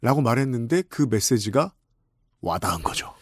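A man's voice: medium pitch, animated, dry recording, clean studio sound. A man hosting a talk show, chatting conversationally and answering his guest with short murmurs. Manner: conversational, quick back-channel murmurs. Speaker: podcast host. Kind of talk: casual talk show chat.

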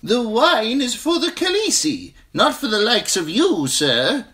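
A man voicing a small, flamboyant male wine merchant who hawks his wares in a high, drawn-out, theatrical cry. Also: sing-song, pushed and bright, exaggerated voice. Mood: sullen.

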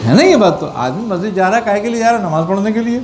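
A man's voice: high voice, expressive, noisy background. A man from Pakistan giving religious teaching to a gathering, answering questions and often asking whether his point was understood. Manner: checks understanding with rhetorical questions. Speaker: spiritual teacher.

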